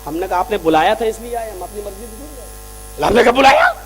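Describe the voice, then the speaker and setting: A man giving a sermon and telling a story, acting out both sides of a conversation and rising to shouts. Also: high voice, quick pace. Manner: impassioned, acts out dialogues, rises to shouting. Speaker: preacher.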